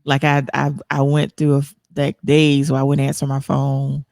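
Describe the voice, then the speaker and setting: Female talk host, gravelly low-bright tone, heartfelt rambling delivery. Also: monotone, moderate pace, dry recording, clean studio sound. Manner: earnest, emotional, rambling with restarts. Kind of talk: casual online talk show chat.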